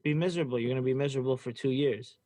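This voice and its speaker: A man's voice: medium pitch, racing, mellow, no echo. A man co-hosting a casual sports chat, rambling loosely with lots of filler words. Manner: rambling, filled with "you know" and "like". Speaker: co-host.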